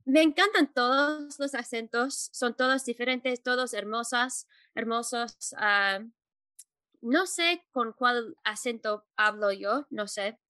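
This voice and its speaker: A woman Spanish teacher answering interview questions, pausing often with fillers and correcting herself as she goes. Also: on the high side, bright, forceful tone, no room sound. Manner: hesitant, many fillers and self-corrections.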